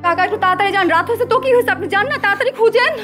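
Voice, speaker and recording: A woman's voice: very high-pitched, very fast, fairly bright tone, faint music behind. An actress playing an anxious young wife who tends a sick mother, speaking in urgent, breathless repetitions. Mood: frantic.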